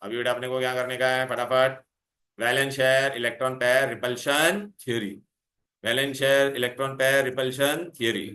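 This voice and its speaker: Male chemistry tutor, mid-pitch, quizzing pupils nonstop; roomy echo, bits. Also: fairly even intonation, normal speed, sharp tone. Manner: coaxing, calls students "beta", quizzes them constantly. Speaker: chemistry teacher. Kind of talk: revision lecture to students. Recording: echoey room.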